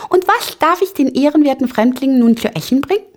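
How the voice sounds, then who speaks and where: A woman's voice: lively intonation, fast talker, a little mellow. A woman reading a storybook and voicing a tiny, eager, very polite boy servant who chirps and pipes his words. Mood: courteous. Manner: piping, bowing courtesy, high and eager.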